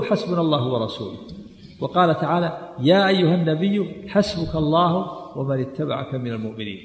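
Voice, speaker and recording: Guy teaching a religious text, fast, emphatic, keeps repeating his points, echoey hall. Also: on the high side. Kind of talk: lecture explaining a classical text. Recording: echoey hall with long reverb.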